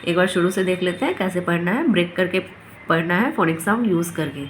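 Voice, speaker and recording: A woman's voice: lowish voice, animated, brisk, slight background noise. A woman teaching a phonics lesson, sounding out letters and words one by one.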